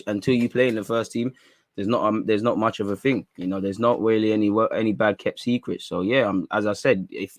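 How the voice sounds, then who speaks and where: A young man, hosting a football talk stream in a rambling, slangy, excitable way. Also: fairly low pitch, no echo. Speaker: football channel host. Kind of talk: casual livestream chat.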